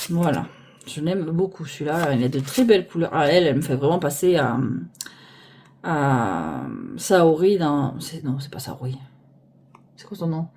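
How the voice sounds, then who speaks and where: A woman's voice: deep voice, lively intonation, moderate pace, a little mellow, a little hiss or hum. A woman casually presenting tarot decks, rambling and stopping aloud to search for names, filmed on a phone held by a holder arm. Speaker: tarot deck reviewer.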